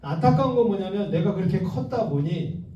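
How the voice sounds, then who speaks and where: A man's voice: high-pitched, lively intonation, a little fast, warm tone, dull audio. A man giving a lecture to a live audience, constantly asking listeners questions and acting out little quotes. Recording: echoey hall, voice from a distance.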